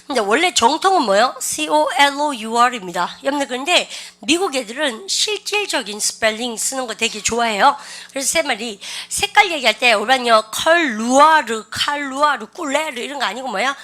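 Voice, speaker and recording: Bright, lively woman teaching English vocabulary. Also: high-pitched, fairly quick, hardly any pauses. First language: Korean. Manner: lively, coaxing, asks the class questions. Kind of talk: classroom lecture.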